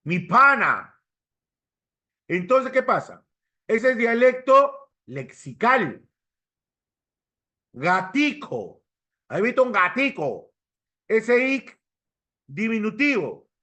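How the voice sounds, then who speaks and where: Male teacher, high voice, very animated, unhurried delivery, keeps checking on the class. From Peru. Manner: asks the class for confirmation, mimics regional accents. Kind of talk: lively classroom lecture.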